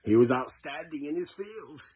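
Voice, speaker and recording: A man in his forties telling corny jokes to a phone in an exaggerated, drawn-out way, with a corny dad laugh. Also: a little high, animated, darkish tone, highs cut off, a little hiss or hum. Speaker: comedian telling dad jokes on social video. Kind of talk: corny joke telling to camera, slow setup and punchline. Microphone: phone at arm's length.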